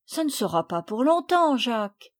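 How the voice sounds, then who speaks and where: A woman voicing a gentle, loving young girl in a storybook reading, soothing and imploring. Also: on the high side, sing-song, normal speed.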